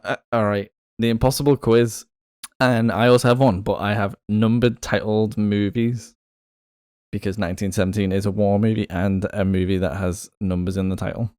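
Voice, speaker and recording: A man with a lowish voice co-hosts a casual podcast, thinking out loud as he guesses and trailing off with plenty of hesitation. The sound is dry and close, with little room in it. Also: fairly even intonation, moderate pace, clean tone, dry recording. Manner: playful, guessing aloud with hesitations. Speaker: podcast co-host. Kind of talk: casual chat.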